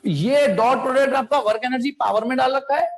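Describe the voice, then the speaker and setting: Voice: high-pitched, fairly quick. A physics teacher giving an informal lecture, talking students through sums step by step and mixing in English technical terms. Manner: chatty, works sums aloud, calls students "beta".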